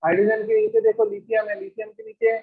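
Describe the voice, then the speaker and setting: Male chemistry teacher, high voice, drills students in class, tinny classroom recording. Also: monotone, fast, husky. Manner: quizzes students with repeated questions; rattles off element lists at speed. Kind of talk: classroom lecture.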